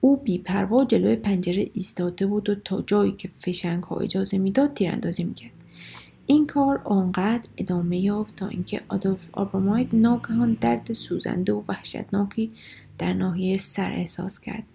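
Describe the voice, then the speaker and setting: A woman reading a story aloud, expressive, dropping to whispers and rising for the shouted lines. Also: mid-range voice, vocal fry, slight background noise.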